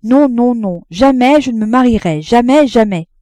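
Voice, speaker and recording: A woman's voice: mid-range voice, expressive, moderate pace, darkish tone, no room sound, lightly acted. A woman voicing a passionate young man who pleads his love in an audiobook reading. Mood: impassioned. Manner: impassioned pleading.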